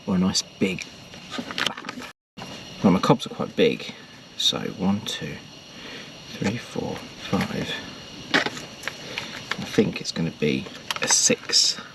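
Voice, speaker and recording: With a deep, vocal-fry voice, the English vanlife vlogger in his 40s chats through a casual cooking video in his small camper van, adding self-mocking asides to his audience. The camera mic sits across a small table, picking him up at a distance over loud background noise.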